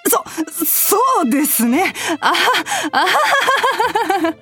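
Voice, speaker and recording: A high, courteous warrior played by a woman in a fantasy drama, dutiful but easily flustered. The lines are formal with small stammers, over faint music. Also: lively intonation, takes it slowly, fairly bright tone, full character voice. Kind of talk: fantasy audio drama acting. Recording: music under the voice.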